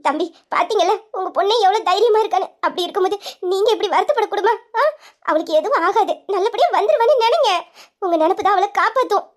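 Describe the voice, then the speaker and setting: A high, quick, consoling woman's voice as a relative, urging a worried man to stay hopeful. Her delivery is encouraging and brisk. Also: expressive. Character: older family woman consoling a son-in-law.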